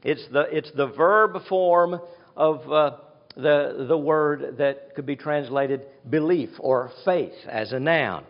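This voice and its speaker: A man's voice: a little high, slow pace, muffled recording. A man preaching an earnest, reflective sermon in a church, retelling scripture scenes. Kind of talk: expository sermon. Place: church with a screen behind him.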